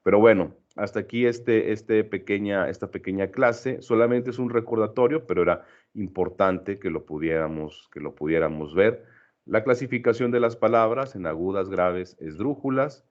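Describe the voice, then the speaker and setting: Deep-voiced male teacher, dull recording. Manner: patient explaining, checking in with "¿sí?"; frequent fillers and self-corrections. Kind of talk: recorded online lesson.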